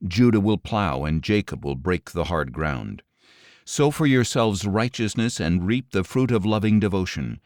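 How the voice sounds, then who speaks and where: A man narrating an audio Bible in a measured, solemn scripted reading, his lines falling at the ends. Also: low-pitched, darkish tone, no room sound, clean studio sound. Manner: measured, solemn delivery with falling line endings.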